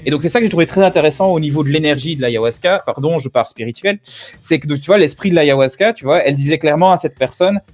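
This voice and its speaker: A man's voice: on the high side, fast talker, darkish tone. Rambling man chatting on a call. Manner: rambling, lots of fillers and "tu vois". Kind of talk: casual group discussion over a call. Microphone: computer on a call.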